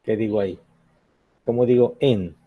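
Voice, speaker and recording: A man's voice: on the low side, normal speed, breathy edge, no echo, narrow, tinny audio. A man teaching an English grammar lesson in Spanish, patiently asking the class questions and checking in with "ok?".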